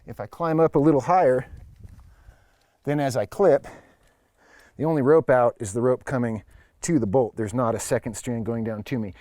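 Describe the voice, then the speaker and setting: A man's voice: medium pitch, moderate pace, pauses often, mellow, dry recording, studio quality. A man teaching as an instructor during a hands-on demonstration, explaining things in a plain-spoken way. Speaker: climbing instructor. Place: at a climbing wall or crag, speaking while climbing.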